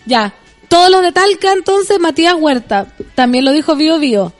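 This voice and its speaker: A woman's voice: high-pitched, animated, soft background music. A young Chilean woman hosting a casual talk show, reading tweets aloud and joking with slang. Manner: joking, quick and chatty with slang. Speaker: show host.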